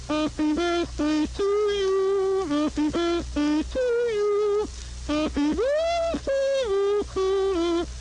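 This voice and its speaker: A man giving a formal technical demonstration, his speech passed through a vocoder, talking in a measured, precise way. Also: extremely high pitch, darkish tone, a little hiss or hum, poor audio. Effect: vocoder-processed voice. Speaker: engineer demonstrating a speech device.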